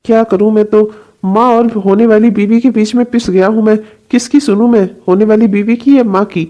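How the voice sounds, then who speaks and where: A woman voicing a troubled young husband in a cartoon, brooding and quick to anger. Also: mid-range voice, fairly even intonation, dull audio, lightly acted. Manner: brooding, then shouting in anger. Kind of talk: cartoon voice acting.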